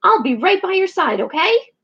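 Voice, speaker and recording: A squeaky, gushing little penguin girl from a storybook, bubbly and chatty, as a woman puts her on. Her voice leaps around very high and lively. The sound is a little dull and lo-fi. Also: normal speed, exaggerated voice.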